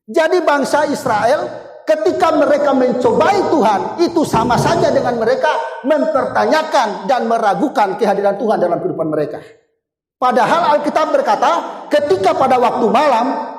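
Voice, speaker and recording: A man preaching, his voice sitting very high for a man. He tells his testimony in a relaxed, conversational way, with a long reverb trailing each phrase through the hall. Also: moderate pace. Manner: conversational, storytelling with acted quotes and chuckles. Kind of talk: sermon with personal testimony.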